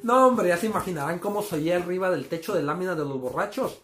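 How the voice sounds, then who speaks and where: A man's voice: high-pitched, expressive, fast, a bit bright, roomy sound. Chatty man telling a story. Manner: chatty, addresses listeners as friends, acts out sound effects. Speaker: storyteller host. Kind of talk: casual storytelling to an audience.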